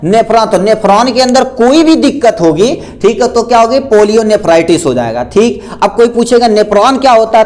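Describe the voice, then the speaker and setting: A man's voice: very high voice, darkish tone. A man teaching a pharmacy class, explaining terms with a diagram and answering his own repeated questions.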